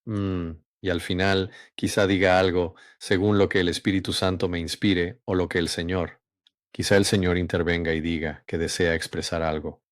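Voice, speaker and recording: A man with a deep, level voice hosts a religious channel, speaking slowly and deliberately with frequent hums and pauses, then reads a story aloud. It's studio-quality audio with no room sound.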